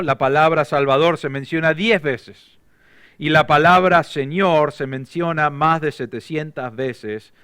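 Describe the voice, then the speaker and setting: Male Argentine preacher, sermon delivery, a touch high in pitch, dry close sound, climbs in pitch and force on key points. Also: smooth, no room sound. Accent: Argentine Spanish. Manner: expository preaching, rising louder and higher for emphatic quoted declarations. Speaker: pastor.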